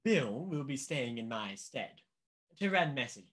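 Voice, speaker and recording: In a radio play, a male actor voices a pompous, condescending British government official, speaking formally and with emphasis. His mid-range voice is very animated, unhurried and a bit bright, with a patronizing, fussy mood.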